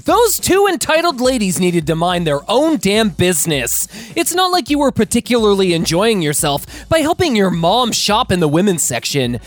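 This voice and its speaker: A host reading internet stories aloud in a lively storytelling manner, adding their own commentary. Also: mid-range voice. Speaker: story reader.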